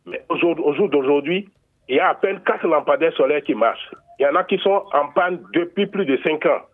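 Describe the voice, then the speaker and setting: A man's voice: fairly high pitch, fairly quick. A man from Benin, phoning a radio show to lay out a neighborhood complaint in a formal, step-by-step way with small hesitations, heard over a telephone line. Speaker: radio call-in listener. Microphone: telephone handset. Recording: narrow tinny phone line.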